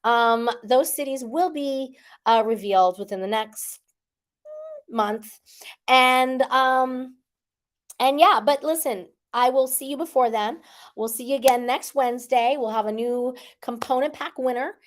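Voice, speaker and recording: A woman's voice: high voice, unhurried. Chatty woman livestream host, rambling. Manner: rambling, filler-heavy, chatty and playful. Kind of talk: casual livestream chat with viewers.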